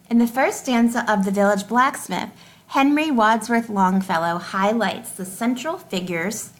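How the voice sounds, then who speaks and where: Reading out a test in the manner of a teacher, a woman with an average-pitched voice speaks in a deliberate, enunciated way. She keeps the numbered questions and their answer options clearly separate.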